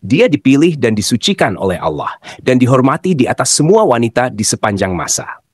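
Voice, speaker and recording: A man reading scripted narration in a measured, explanatory way. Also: mid-range voice, very animated, breathy edge, dry recording, studio quality.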